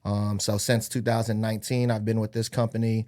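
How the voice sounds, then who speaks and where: This podcast guest, a real estate agent in his thirties, speaks briskly in a fairly low, darkish voice with little pitch movement. He was born in Hawaii and raised in California and Arizona, and in casual chat he shares his life story with cheerful, self-deprecating jokes.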